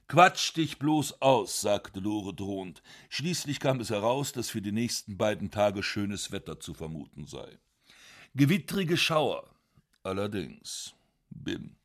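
A man narrating literary prose in a dry, ironic, measured way. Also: fairly low pitch. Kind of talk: literary reading.

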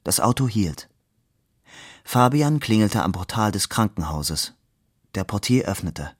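A man with a low voice reads a novel aloud, measured and expressive. The recording is dry and close with no room sound. His pace is steady. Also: husky, dry recording. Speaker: reader. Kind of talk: literary reading.

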